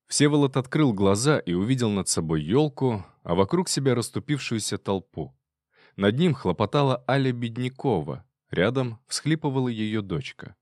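A man narrating an audiobook in an even storytelling manner. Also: fairly low pitch, no echo, clean studio sound. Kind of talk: audiobook reading.

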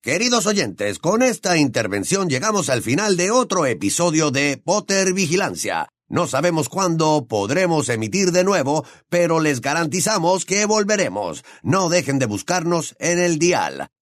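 A man's voice: fairly high pitch, very animated, moderate pace, hardly any pauses, no room sound, clean studio sound, pitched above the performer's own voice. A man voicing Lee, a young male secret radio host signing off to listeners, in an audiobook reading. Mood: solemn. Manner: radio announcer delivery.

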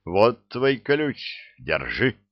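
Brief: menacing vampire lord, measured and cold, voiced by a male narrator. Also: medium pitch, sing-song, no room sound, dull audio, exaggerated voice. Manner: hissing, stern.

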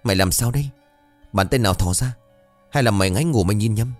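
A man's voice: lowish voice, quick pace, darkish tone, faint music behind, pitched above the performer's own voice, natural voice. A man doing a suspicious, questioning kinsman. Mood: doubtful. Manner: doubtful, questioning. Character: suspicious male relative, gruff.

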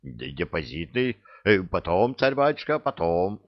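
A man's voice: lowish voice, expressive, a little slow, no echo, dull audio. A man voicing a cheeky, glib young adventurer who wheedles, in an audiobook. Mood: evasive. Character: cheeky young male adventurer, smooth-talking chancer.

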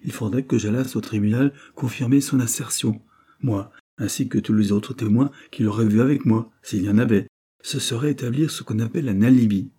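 Grave young man, gentle and steady, a male narrator doing him, mellow and husky. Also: medium pitch, a little fast, lightly acted. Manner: calm, grave.

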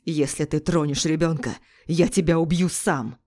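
A woman's voice: low-pitched, normal speed, darkish tone. A woman voicing a stern older male doctor who speaks icily and commands. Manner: icy, commanding.

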